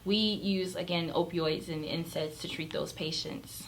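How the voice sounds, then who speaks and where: A woman who is a pediatric emergency doctor, giving measured, earnest answers in an interview. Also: lowish voice, fairly even intonation, low-quality recording.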